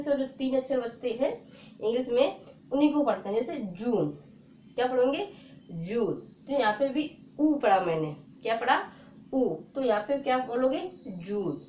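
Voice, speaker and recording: A woman's voice: sits high, fairly quick, a little mellow. A woman teaching a phonics lesson to children, patient and repetitive, asking questions and answering them herself. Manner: patient, repeats words and asks questions. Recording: echoey room with faint noise.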